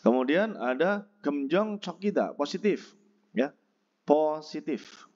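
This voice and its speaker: A man teaching a Korean textbook lesson, explaining pronunciation and slowly repeating each word for practice. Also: medium pitch, very animated, a little mellow, muffled recording.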